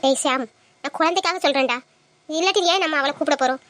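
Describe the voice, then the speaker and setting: A woman's voice: high voice, fast, fairly bright tone. A woman acting a worried grandmother who scolds and pushes her grown son. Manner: scolding, insistent. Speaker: mother of the father. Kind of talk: home drama acting.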